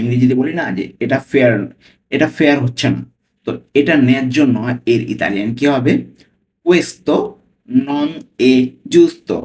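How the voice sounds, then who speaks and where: A man from Bangladesh gives a spoken lesson as a tutor. He breaks each phrase into single words, says them slowly and repeats them, often stopping to ask "okay?". His voice sits at an ordinary middle pitch for a man. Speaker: language tutor. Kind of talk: spoken lesson, Italian phrases explained in Bengali.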